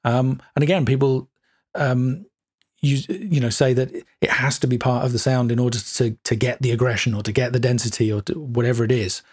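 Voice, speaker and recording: A man's voice: mid-range voice, fairly even intonation, brisk, darkish tone, husky. A man hosting an interview podcast, chatting with hesitations and filler words. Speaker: podcast host. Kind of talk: conversational interview.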